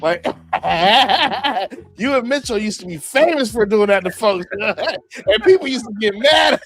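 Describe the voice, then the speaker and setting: A podcast host with a high-pitched voice chats casually at a moderate pace, with faint music behind him. He tells animated stories packed with slang and frequent laughter.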